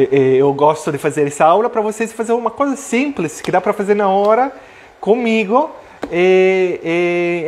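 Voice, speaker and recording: Male online cooking host, native Italian with Italian accent, thirties, slightly high voice, chatty and hesitant, casual teaching. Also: slight background noise. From Italy. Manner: chatty and hesitant, mixing Italian greetings into talk. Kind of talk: casual live cooking lesson. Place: home kitchen, indoors. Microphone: clip-on lapel mic.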